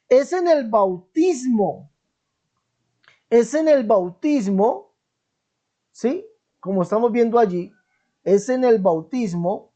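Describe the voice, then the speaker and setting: Over a muffled, low-fidelity recording, a man with a high, darkish voice offers online Bible commentary. He teaches emphatically, circling back to key phrases and frequently asking whether his audience is following.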